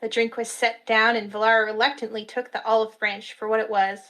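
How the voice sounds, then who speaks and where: A woman narrating a fantasy story in a steady storytelling manner at a live reading. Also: fairly high pitch, fairly quick, poor audio.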